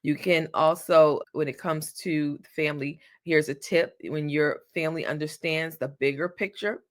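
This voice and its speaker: A woman's voice: deep voice, fairly even intonation, moderate pace. A woman talks straight to her listeners in a solo podcast episode. Her tone is chatty and encouraging. She uses casual, everyday phrasing. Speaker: podcast host. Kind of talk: solo podcast advice talk.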